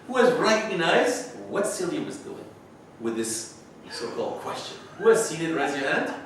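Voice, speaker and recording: Animated man quizzing a workshop. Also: a little high. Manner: presses with quick repeated questions. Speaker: workshop leader. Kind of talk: Socratic workshop questioning. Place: workshop room with adults. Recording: echoey room, distant mic, noisy.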